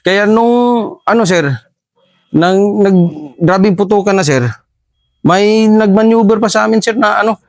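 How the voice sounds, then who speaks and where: A man recounting a firefight as a soldier in an interview, halting often and calling his listener "sir". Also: high voice, dry recording. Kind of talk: first-person war story interview.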